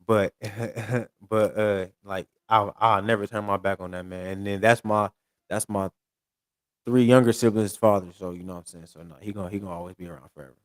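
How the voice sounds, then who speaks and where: A man's voice: on the low side, fairly even intonation, a little fast, no echo. A man in casual podcast chat, rambling and repeating himself as he restarts his thoughts.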